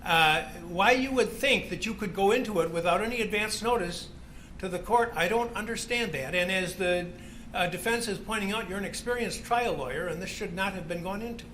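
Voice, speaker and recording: A man serving as judge speaks from the bench in a courtroom recording, his voice high and sharp-edged. He scolds and interrupts counsel, stumbling over words as he goes. Faint hiss sits under the room. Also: a little fast, low-quality recording.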